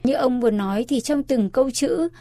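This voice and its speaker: Mellow-voiced woman, formal Vietnamese state radio interviewer. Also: high voice. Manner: measured, polite, formal phrasing.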